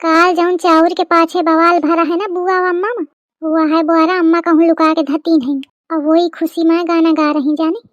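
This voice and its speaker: Lady doing a high little village bahu in a cartoon, gossipy, super dry mic. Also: level tone, no room sound. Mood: gossiping. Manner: brisk rustic dialect chatter. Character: young village daughter-in-law, scheming gossip. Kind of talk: cartoon comedy voice acting.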